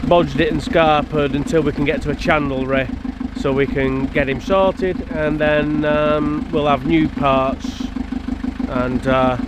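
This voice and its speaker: A man's voice: on the high side, fairly even intonation, a little slow. A man chatting casually to camera for a vlog, outdoors on a canal boat. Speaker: narrowboat vlogger. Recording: idling engine noise, outdoors.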